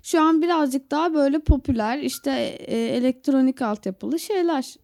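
Here a woman co-hosting a podcast offers her opinions in easygoing conversation. Her high-pitched voice has a dark tone and a moderate pace. The studio sound is clean, with no room sound at all.

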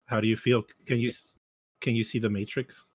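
A man's voice: medium pitch, level tone, brisk, dry recording. Man guesting on a podcast, dry close sound. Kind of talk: casual talk about video games.

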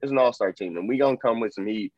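Low-ish guy hyping up basketball, dry dull lo-fi sound. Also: fast talker, no echo. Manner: enthusiastic, hyping, trails off with fillers. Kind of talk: casual sports chat.

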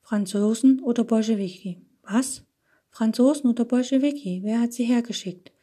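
A woman's voice: on the high side, moderate pace, dark tone, breathy edge. A woman voicing a proud, indignant male chess master confronted at gunpoint. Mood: startled.

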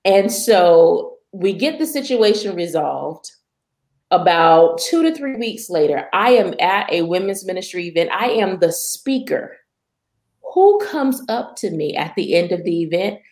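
A middle-aged woman tells a personal faith story in an earnest, conversational way. Her voice sits a little low for a woman. The room gives back a noticeable echo. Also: a little slow. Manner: earnest testimony with animated retelling.

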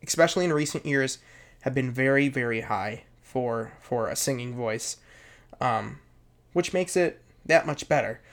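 A man co-hosting a casual podcast chats eagerly, repeating words for emphasis. His voice is medium-pitched and unhurried.

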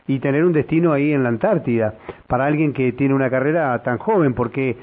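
A man's voice: medium pitch, brisk. A man in his sixties hosting a casual radio interview, chatty and jovial, sometimes talking over his guest. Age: 60s. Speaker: radio host. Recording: lo-fi radio broadcast.

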